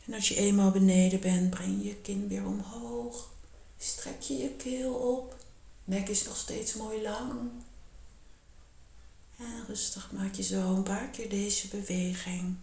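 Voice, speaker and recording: A woman guiding a meditation and yoga lesson in a slow, calm, soothing voice, often half-whispering. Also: medium pitch, vocal fry. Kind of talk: guided meditation and yoga instruction. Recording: echoey room.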